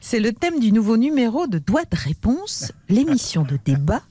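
A woman presenting a satirical news show, dry and brisk. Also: a little high, big pitch swings, heavy background noise. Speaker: host.

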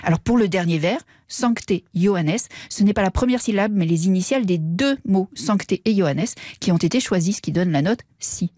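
A woman's voice: mid-range voice, expressive, fairly quick, hardly any pauses, mellow, no room sound. A woman explaining word origins as a radio language columnist in a studio, in a playful, self-mocking way. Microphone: studio microphone.

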